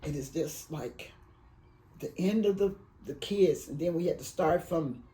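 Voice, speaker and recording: An elderly woman in her eighties, from Alabama and raised in Detroit, tells her family's story for an oral history. Her voice is dark and mellow, and her speech wanders and halts with emotion. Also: sits low, low-quality recording. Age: 80s. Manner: rambling, emotional, halting.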